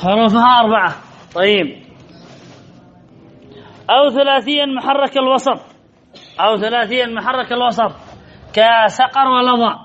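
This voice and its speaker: A man's voice: very high voice, moderate pace, pauses often, sharp tone. A man teaching Arabic grammar from a classical text, reading passages aloud and quizzing his students, then repeating their answers. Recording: slightly dull, faint background noise.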